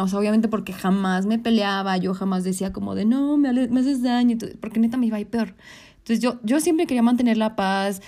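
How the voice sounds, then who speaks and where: A young adult Mexican woman, the host of a podcast, tells a story about her own life in casual, candid speech full of swearing. She often acts out what people said. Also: mid-range voice. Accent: Mexican Spanish. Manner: candid, profane, animated, quotes people in acted voices.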